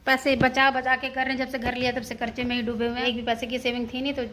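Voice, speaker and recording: A woman's voice: on the high side, completely flat delivery, fast talker, a bit bright, a little hiss or hum. A woman vlogging from her home kitchen, talking to her viewers in a shaken, anxious way. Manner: shaken, retelling a scare at length, anxious. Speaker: vlogger, mother. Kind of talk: casual home vlog, talking to camera.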